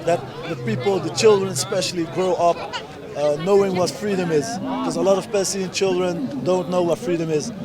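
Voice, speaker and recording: A man's voice: high voice, fairly even intonation, fairly quick. A man in his twenties from the Netherlands, interviewed at an outdoor street protest, speaking earnestly and emphatically in short insistent phrases. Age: 20s. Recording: outdoor street recording with loud crowd. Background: crowd of protesters.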